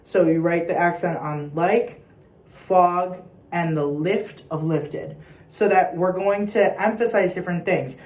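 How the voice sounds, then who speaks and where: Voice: medium pitch, unhurried, a little mellow. A young adult choir teacher giving patient rehearsal instructions and singing short example phrases. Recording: echoey room.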